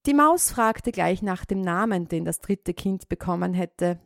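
A woman reads a fairy tale aloud in a calm, measured storytelling manner. Her pace is very unhurried, with a mid-range voice. The sound is close and dry. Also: on the low side, creaky, dry recording.

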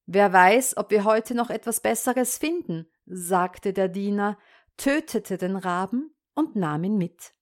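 Slow, calm woman reading a fairy tale. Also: fairly low pitch. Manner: calm, measured narration. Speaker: storyteller. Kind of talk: reading fairy tales aloud.

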